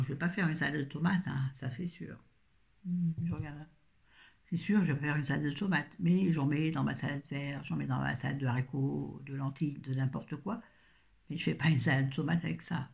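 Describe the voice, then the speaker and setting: 50-something lady rambling about her groceries, gravelly croaky voice, laughs at herself. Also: low voice, steady tone, a little fast, darkish tone. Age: 50s. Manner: chatty, rambling, self-mocking asides. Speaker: vlogger. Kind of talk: casual grocery haul chat.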